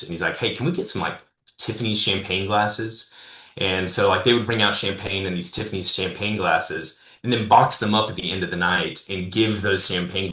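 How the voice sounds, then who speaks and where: A man's voice: sits low, bright, forceful tone, roomy sound. A man, a consultant and speaker, telling stories in a casual interview, rambling with many fillers and restarts.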